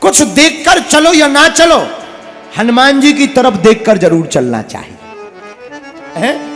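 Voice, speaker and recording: A male preacher tells a humorous devotional story in a folksy, emphatic way. His voice is unusually high and his delivery slow and deliberate. It rings through a large reverberant hall over faint music. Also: a bit bright. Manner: folksy, joking, slow and emphatic, bursts into chanted verse.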